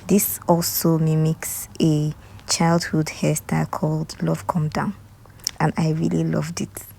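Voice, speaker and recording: A Nigerian woman talking viewers through a hair tutorial in a casual voice-over, often dropping into soft, half-whispered asides. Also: sits low, monotone, unhurried, creaky, a little hiss or hum.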